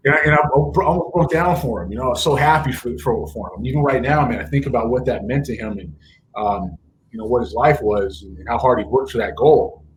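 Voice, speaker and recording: A man's voice: medium pitch, brisk, a little hiss or hum, low-quality recording. A man being interviewed, talking earnestly with many fillers and restarts as he tells stories and acts out quoted dialogue. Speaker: interview guest, baseball executive. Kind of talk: casual interview storytelling.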